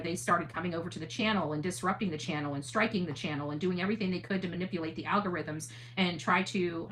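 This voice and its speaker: The audio is poor as a woman with a fairly low, fairly bright voice hosts her online livestream. Casual and earnest, she talks in a monologue with replies to chat, frequently going over her points again in different words for emphasis.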